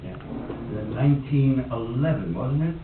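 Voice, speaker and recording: A man's voice: medium pitch, animated, moderate pace. A man hosting a live reading, introducing the next poet in a loose, meandering way that keeps correcting itself. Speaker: host introducing readers. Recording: echoey, distant, tinny, noisy.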